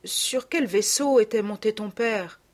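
A woman's voice: on the high side, moderate pace, a little mellow, pitched above the performer's own voice, close to an everyday voice. A woman voicing a kindly, emotional aristocratic lady who speaks earnestly in a storybook reading. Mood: moved, urgent.

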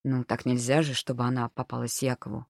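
A woman voicing a usually calm young man who speaks in a grumbling way. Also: very deep voice, brisk, no echo, clean studio sound, voice pushed down. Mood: wary.

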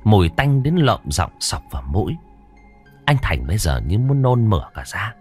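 A man reading a horror story aloud in a dramatic, expressive way. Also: on the low side, moderate pace, faint music behind. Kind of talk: scripted horror story narration.

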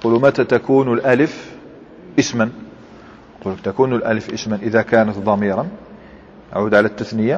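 Guy teaching grammar, quizzes the class as he goes, long echo like a big hall. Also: mid-range voice. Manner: explains step by step, quizzes students, mixes dialect with formal Arabic. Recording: dull lo-fi recording in a large reverberant hall.

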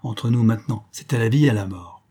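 A sly, ingratiating prince from a storybook, smooth and evasive in how he talks , as a man voices him. His voice is husky and warm. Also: on the low side, fairly quick.

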